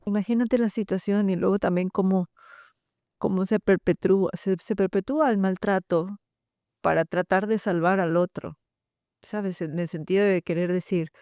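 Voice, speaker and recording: A woman in a podcast conversation, speaking in a measured, reflective way and explaining patiently. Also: mid-range voice, fairly even intonation, warm tone, no echo, clean studio sound.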